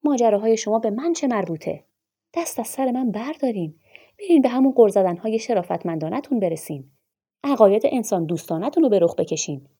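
A woman voicing a bitter, proud male doctor in a storybook reading, shouting angry tirades. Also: mid-range voice, animated, breathy edge. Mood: furious, shouting.

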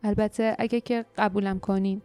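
A woman's voice: medium pitch, little pitch movement, mellow, dry recording, faint music behind, natural voice. A woman narrator voicing a fierce young forest girl, breathless and urgent. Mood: determined. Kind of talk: audiobook character reading.

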